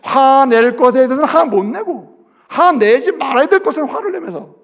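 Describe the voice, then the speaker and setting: Pastor guy with a really high voice giving a sermon, asks the crowd stuff, goes loud then drops way quiet. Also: expressive, moderate pace, gravelly. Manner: preaching with rhetorical questions to the congregation; swings from loud emphasis to soft low asides.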